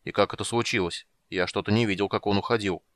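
Guy reading as a cranky old dwarf from a fantasy audiobook, low gruff voice, huffy and loud. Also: steady tone, fast, no echo, close to an everyday voice. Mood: complaining. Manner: blustering, indignant outbursts. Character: grumpy old male dwarf, gruff and indignant.

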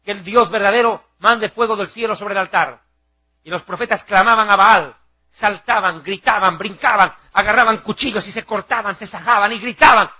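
A male preacher giving a fiery, mocking televised sermon, acting out shouting crowds. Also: high voice, normal speed, slightly rough, lo-fi sound.

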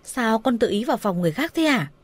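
A woman voicing a calm, shrewd man in his forties who speaks evenly and unbothered. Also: a little high, fast, pitched above the performer's own voice.

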